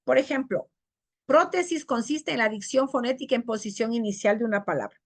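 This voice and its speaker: A woman teacher giving a classroom lecture on diction, explaining terms and acting out examples in higher voices. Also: brisk, dry recording.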